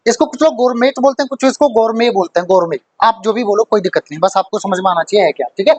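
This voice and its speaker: A man's voice: sits high, expressive, racing, slightly rough, dry recording. A male teacher giving a vocabulary lesson, who asks questions and then answers them himself, repeating the key words for emphasis.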